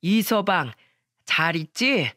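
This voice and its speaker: A woman's voice: lowish voice, big pitch swings, slow pace, pushed and bright, dry recording, exaggerated voice. Scheming father-in-law, voiced by a woman, ingratiating, dry close read. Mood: wheedling. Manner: ingratiating, pushy.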